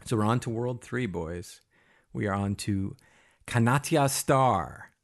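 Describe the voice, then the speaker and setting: A man's voice: fairly low pitch, creaky. A man co-hosting a casual chat about an old video game, laughing often and swearing freely. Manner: laughing, swearing, quick asides. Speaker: podcast co-host.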